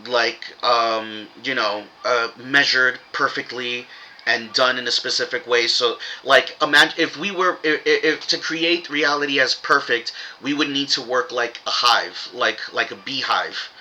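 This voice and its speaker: A man's voice: medium pitch, measured pace, bright, forceful tone, a little hiss or hum, rough recording. A man giving a casual, rambling spiritual monologue in an informal way, with swearing. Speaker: religious commentator.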